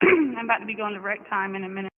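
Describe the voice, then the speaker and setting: A woman from Georgia talking calmly over a prison phone line, rambling with fillers. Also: medium pitch, fast talker. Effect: heard over a prison phone line. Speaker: inmate on trial. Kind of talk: casual phone chat. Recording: tinny prison phone line with faint hiss.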